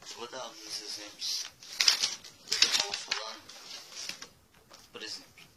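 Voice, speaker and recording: Male tutor, unhurried, spells and repeats, a touch low, faint room hum behind. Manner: slow and deliberate, spelling out letters and repeating words. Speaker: language teacher. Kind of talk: casual spoken lesson.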